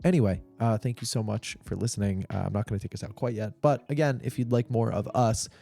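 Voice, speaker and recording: A man's voice: fairly low pitch, fast talker, gravelly, dark tone. A man co-hosting a podcast in casual chat, joking and swearing with frequent laughter. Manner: joking, profane, laughs often. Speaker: podcast co-host.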